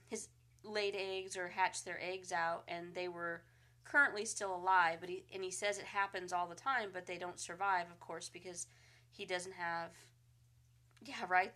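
A woman's voice: on the low side, creaky, fairly bright tone. A woman hosting a casual live-stream chat, chatty and rambling with fillers, a bit congested and sniffly. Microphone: phone.

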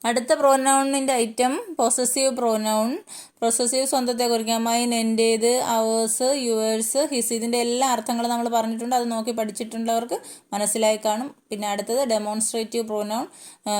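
A woman with a Malayali accent and a slightly high, darkish voice teaches English grammar in a casual spoken lesson. She goes through terms one by one, repeating them as she explains.

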